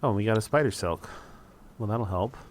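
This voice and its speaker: A man's voice: fairly low pitch, normal speed, background noise. A man casually commenting on a strategy game as he plays, thinking aloud with wry asides. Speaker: let's play host.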